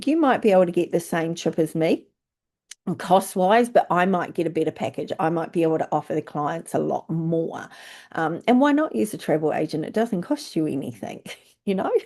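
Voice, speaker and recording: An older woman with a New Zealand accent talks through an informal recruiting presentation. Her voice sits a little low and sounds mellow and relaxed. She speaks casually, with many fillers. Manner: chatty, lots of fillers. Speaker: travel agent recruiter.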